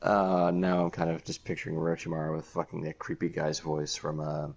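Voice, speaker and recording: A man's voice: rumbling low, little pitch movement, fairly quick, a little mellow, highs cut off. A man co-streaming a game, chatting casually with dry wisecracks and casual swearing. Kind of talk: casual chat.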